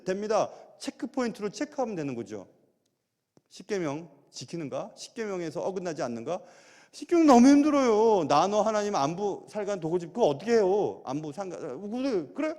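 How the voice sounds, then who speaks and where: Lively high-voiced man preaching. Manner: animated preaching, rhetorical questions, acts out quotes. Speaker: pastor. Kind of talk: sermon. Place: large church sanctuary. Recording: long church hall reverb.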